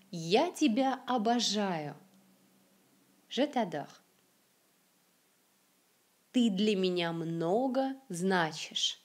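Russian-accented woman teacher, low-ish breathy voice, very slow and lively in pitch, repeats each phrase. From Siberia, Russia. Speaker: language teacher. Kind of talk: slow, careful language lesson with repeated example phrases.

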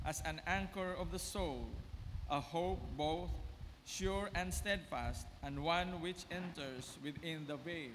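A man serving as lector, reading scripture at Mass in a steady, formal way, his voice heard through a cathedral echo. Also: a little high. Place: large church. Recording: long church reverb with faint room hum.

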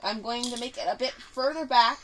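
Her mid-range voice comes out brisk, pushed and bright as she hosts a gaming session with casual, unscripted commentary. She bosses and teases, breaking into play-acted bickering. Clicks and room noise fill this indoor recording of a TV screen.

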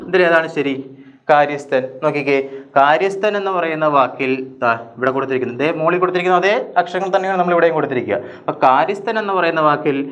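A man teaching a grammar lesson for exam students. He asks questions and answers them himself, and repeats each word slowly. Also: a little high, a bit bright, dull audio. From Kerala. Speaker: Malayalam teacher.

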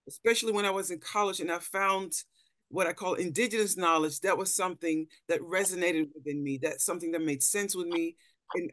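Speaking on a panel via video call from an indoor room, this middle-aged anthropologist from the Netherlands presents a reflective talk with slides, frequently repeating words as she gropes for the right phrasing. Her voice sits on the low side with a fairly bright tone, and there's no room sound.

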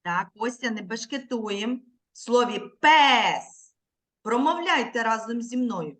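Lively bright-voiced woman teacher. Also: fairly high pitch. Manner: slow, clearly articulated, patient teacher's prompting; syllable-by-syllable drawn-out words. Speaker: primary school teacher. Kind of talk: online literacy lesson for young children. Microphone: video call.

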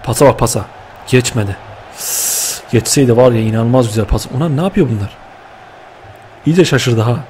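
A young man giving lively, excitable commentary while playing a football video game, cheering and scolding his players with slang. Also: medium pitch, a little hiss or hum. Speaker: gaming YouTuber.

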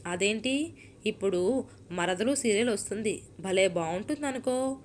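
A woman's voice: medium pitch, animated, a little slow, slight background noise, lightly acted. Woman reading a melodramatic serial-obsessed wife. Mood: scheming. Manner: sighing scoffs, self-pitying, complaining. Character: young married woman, melodramatic, hooked on TV serials. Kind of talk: storybook reading.

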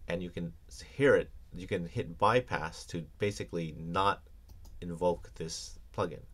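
A deep-voiced man speaks unhurriedly as he teaches audio editing in a screencast. This audio production instructor keeps things casual, full of ums and restarted sentences.

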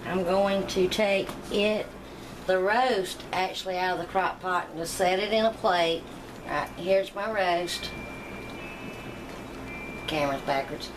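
With long pauses and no rush, a middle-aged woman with a voice on the low side chats through a cooking demo at home. She's a cooking channel host, homey and prone to rambling asides, speaking off camera into the camera mic over some background noise.

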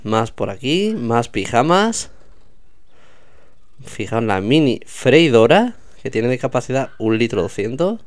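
With a mid-range voice and a slow pace, this man comes across as very animated. He strolls a supermarket aisle narrating casually, chatting and pointing out store products to those watching.

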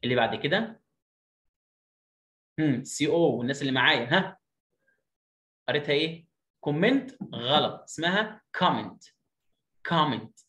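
A man with an Egyptian Arabic accent giving an online phonics lesson. He counts aloud slowly, then drills each word by repeating it. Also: fairly high pitch, expressive, bright, forceful tone, reverberant. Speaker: phonics teacher.

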